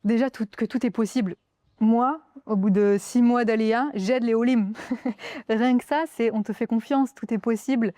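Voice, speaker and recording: A woman's voice: a little high, warm tone, dry recording, studio quality. A woman in her thirties from France, a guest in an interview, telling her story eagerly with many restarts and repeated words, and sounding moved at times. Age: 30s. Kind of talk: conversational interview.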